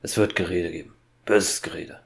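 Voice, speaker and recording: A man's voice: low voice, fairly even intonation, moderate pace, creaky. A man voicing an anxious, cornered woodcutter father in a horror fairy-tale audiobook. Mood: tense. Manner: tense and anxious. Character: desperate bearded woodcutter father.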